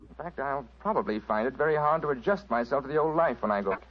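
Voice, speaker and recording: An actor playing a genial, blasé English aristocrat in exile with an English accent and suave, chatty delivery in an old radio drama. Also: male voice, medium pitch, expressive, fast talker, natural voice. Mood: casual, musing. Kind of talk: 1940s radio drama acting. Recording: dull old radio recording.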